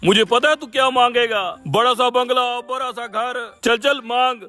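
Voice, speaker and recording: A man acting in a comedy sketch, loud and gloating, taunting the other man. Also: extremely high pitch, measured pace, faint music behind. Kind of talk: comic sketch dialogue.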